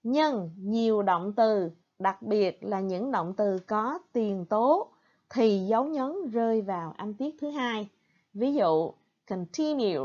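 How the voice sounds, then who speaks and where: Vietnamese-accented lady teacher, slightly high voice, goes slow, english then vietnamese, muffled lo-fi sound. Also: a little mellow. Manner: careful, slow delivery. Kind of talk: online classroom lesson.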